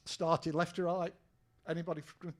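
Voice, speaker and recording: Lecturing in a lecture room, a retired English detective speaks a little fast in a slightly high voice with little pitch movement. The older man keeps it conversational, dropping in fillers and quizzing the audience.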